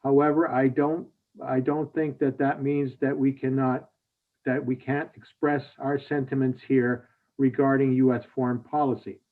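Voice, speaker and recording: A man from Hungary, a state representative, giving measured, formal testimony to a committee over a video call. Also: medium pitch, level tone. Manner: measured, formal, with small restarts. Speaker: state representative, bill sponsor. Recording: tinny phone-like audio.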